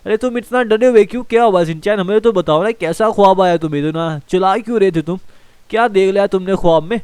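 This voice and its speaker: Dude playing a chatty chill big-bro type, smooth voice, dry close mic. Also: male voice, sits high, fast, darkish tone, no room sound, natural voice. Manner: chatty, uses "yaar" a lot, talks to viewers. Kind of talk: fan game role-play voicing.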